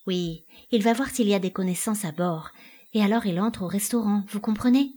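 A woman's voice: medium pitch, moderate pace, a little mellow, husky, lightly acted. A woman voicing a worried young daughter in a dramatic play reading, earnest and concerned.

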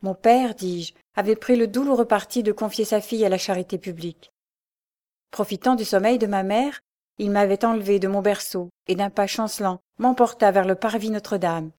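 A woman's voice: mid-range voice, normal speed, dark tone, close to an everyday voice. A woman voicing an earnest, sorrowful young girl of humble birth, reading an audiobook character with a raised, pleading delivery.

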